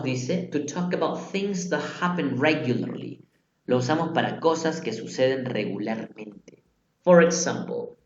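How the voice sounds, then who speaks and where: A man teaching a live online language class, patiently repeating example phrases and putting questions to his students. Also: a little high. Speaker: English teacher. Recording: echoey room, dull lo-fi sound.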